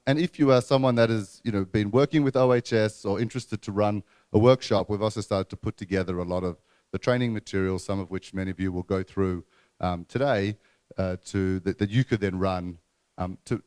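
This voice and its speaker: A man hosts a conference and introduces the next speakers. His voice is very low, and he talks loosely with many fillers. The sound is close and dry. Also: brisk, a little mellow, clean tone, no room sound. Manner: loose, filler-heavy speech. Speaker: event host. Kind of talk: conference hosting and announcements. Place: conference room before an audience.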